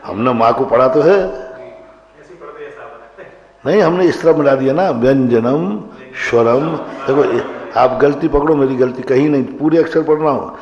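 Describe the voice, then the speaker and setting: A man who is a monk, teaching Sanskrit grammar to a class, asking questions and answering them himself while slowly spelling words out to model their pronunciation. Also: medium pitch, a little mellow. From India. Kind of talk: classroom lecture. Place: large hall. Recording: echoey hall, dull lo-fi broadcast sound.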